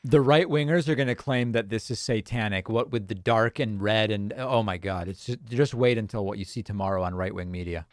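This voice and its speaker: A man's voice: on the low side, fairly quick, few pauses, dry recording. Casual American man hosting, dry close sound. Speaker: livestream host and political commentator. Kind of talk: casual live stream chat and commentary.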